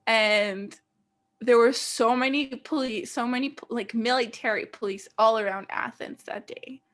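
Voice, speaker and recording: A woman from Greece, speaking with a Greek accent, co-hosts a casual podcast over a video call and explains history in a rambling way, full of fillers and restarts. Her pitch is fairly high, her intonation fairly even, and her pace a little slow.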